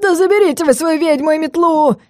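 A woman's voice: brisk, warm tone, no room sound, clean studio sound. A woman voicing a scheming, pompous male lord of hell in a storybook reading. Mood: panicked. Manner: mocking, turns shrill and panicky.

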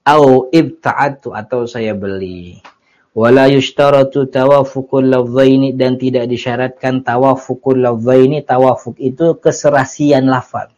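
Male religious teacher, mid-pitched, casual and chuckling, muffled recording. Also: mellow. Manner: explains Arabic text in colloquial Jakarta slang with chuckles. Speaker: Islamic teacher.

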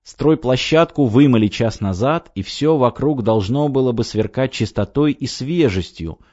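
A man narrating an audiobook with a steady, expressive reading. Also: medium pitch, moderate pace, dry recording, lo-fi sound. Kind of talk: scripted narration.

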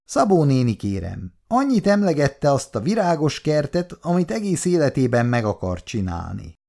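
A proud, ceremonious young neighbor in a 1960s radio play, formal and polite. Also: male voice, fairly high pitch, very animated, gravelly, warm tone. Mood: solemn. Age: young adult. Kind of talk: 1960s radio drama acting.

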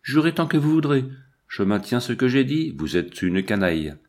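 A man's voice: medium pitch, very animated, moderate pace, pitched above the performer's own voice. Manzana, a man doing an angry drunken accomplice. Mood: accusing. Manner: bitter, accusing.

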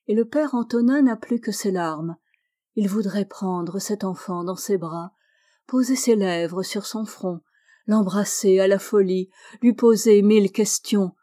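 Slow, mellow woman storyteller. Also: mid-range voice. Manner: slow, gentle, measured. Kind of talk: literary story reading.

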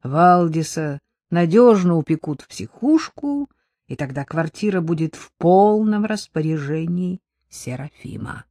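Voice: mid-range voice, animated, unhurried, warm tone, no echo. An audiobook narrator reading in a wry, conversational way. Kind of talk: scripted narration.

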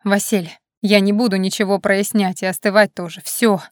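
A woman's voice: mid-range voice, level tone, normal speed, no room sound, clean studio sound, natural voice. A woman voicing a hurt, furious young heroine. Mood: bitter. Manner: emotional, sharp, tearful outbursts.

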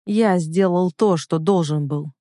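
A woman reading a male henchman who confesses calmly and coldly, in an unhurried voice. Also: lowish voice, no echo, clean studio sound, close to an everyday voice. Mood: calm coldness. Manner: calm, cold, unhurried. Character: calm, cold male henchman turned traitor.

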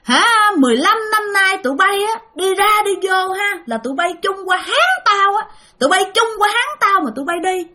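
A woman voicing the vengeful ghost of a first wife, scolding and taunting in a shrill voice. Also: big pitch swings, moderate pace, bright, forceful tone, exaggerated voice. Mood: menacing.

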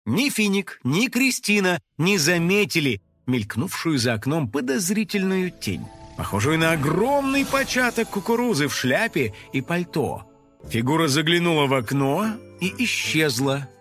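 Brief: a husky male narrator, bright-pitched and very animated, reading a children's tale. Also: normal speed, soft background music. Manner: animated, acting out the story. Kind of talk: scripted children's story narration.

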